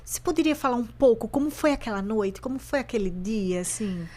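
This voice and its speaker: A woman from Brazil hosts a podcast interview, her voice a little on the high side. She asks gentle, probing questions and lets her guest talk. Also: animated, brisk. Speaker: podcast host.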